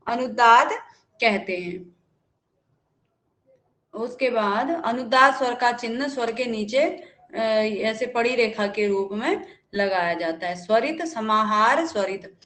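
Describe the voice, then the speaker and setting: A woman with a fairly high voice leads a live online lesson. She explains step by step, pausing on fillers and asking herself rhetorical questions. Her voice rings a little in an echoey room. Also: a bit bright. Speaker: Sanskrit teacher.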